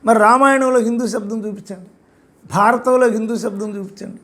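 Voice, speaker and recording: High gravelly older man. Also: steady tone, a little fast, a bit bright. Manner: emphatic, repetitive, argumentative. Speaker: author discussing his book. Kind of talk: spoken lecture.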